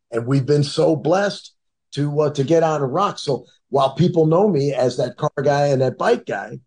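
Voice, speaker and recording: A man's voice: mid-range voice, a little mellow. A middle-aged man from the Cleveland and Detroit area, telling his own story in a casual, rambling way with many restarts.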